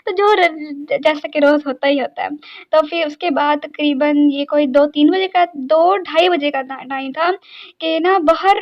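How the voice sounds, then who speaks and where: A woman's voice: high voice, unhurried, lo-fi sound. A young woman, narrating her day in a chatty, rambling vlog full of little fillers. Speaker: vlogger. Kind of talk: casual daily-life vlog narration.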